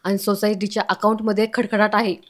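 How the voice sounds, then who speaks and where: A man's voice: high voice, flat delivery, fast talker, natural voice. A woman voicing a fussy, forgetful society man who worries about money.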